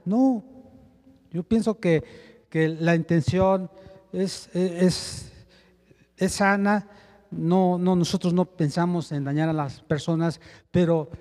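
A man's voice: sits high, dark tone, big-room sound. A man preaching a sermon in a conversational teaching manner, often asking his listeners rhetorical questions.

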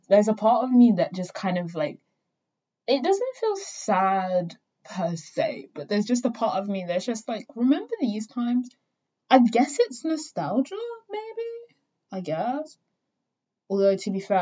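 A woman's voice: mid-range voice, big pitch swings, normal speed, dark tone, breathy edge. A young woman vlogging in a casual, rambling way, full of fillers and cheerful swearing. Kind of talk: casual rambling fan talk. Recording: dull lo-fi recording.

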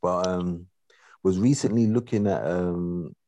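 Deep-voiced London man hosting a podcast. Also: a little slow, mellow, a little hiss or hum. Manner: slangy, upbeat, repeats himself. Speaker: podcast host. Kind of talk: casual podcast chat.

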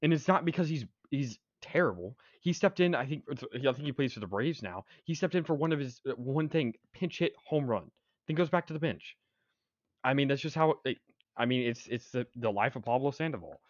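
A young man co-hosts a casual sports chat in a mid-range, animated voice, talking a little fast. He rambles, restarts sentences, and pushes his opinions hard, and the recording is dry, dull, slightly muffled lo-fi with no room sound.

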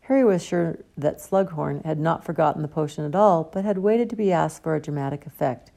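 A woman reading a novel aloud as audiobook narration, in a steady storybook manner. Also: deep voice, brisk, vocal fry. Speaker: audiobook reader. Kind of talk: scripted narration.

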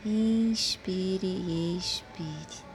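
Slow, soothing woman leading meditation. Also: on the low side. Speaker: guided meditation leader. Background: soft music.

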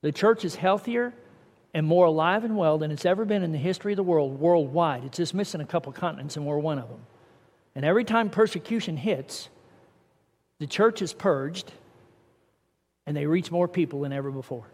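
High-voiced middle-aged preacher in a reverberant hall. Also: male voice, fairly quick, darkish tone. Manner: earnest, conversational preaching with rising emphasis. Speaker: pastor. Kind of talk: sermon.

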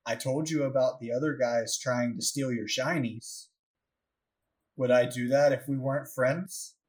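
A man's voice: mid-range voice, steady tone, unhurried, a little mellow, close to an everyday voice. A man playing a small, sly male companion who insistently plants ideas in a brute's ear. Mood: scheming. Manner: insistent, scheming, plain-spoken.

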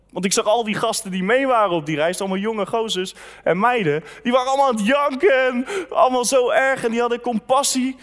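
A man delivers a sermon in an easy, conversational way, sharing personal stories and reading scripture aloud. His voice sits fairly high. The sound carries a long reverb, as in a large hall. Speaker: pastor.

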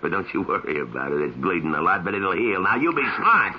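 A man's voice: sits low, animated, fast talker, a little hiss or hum. An actor playing a cruel, mocking male loan shark who threatens with a knife, in an old-time radio drama. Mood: menacing. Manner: taunting, drawling, mocking. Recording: dull lo-fi old radio recording.

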